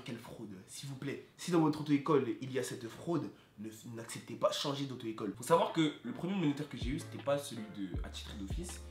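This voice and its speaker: A young man vlogging, telling his story with animated, dramatic, slangy delivery. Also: medium pitch. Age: young adult. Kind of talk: storytelling vlog. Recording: roomy echo with music behind.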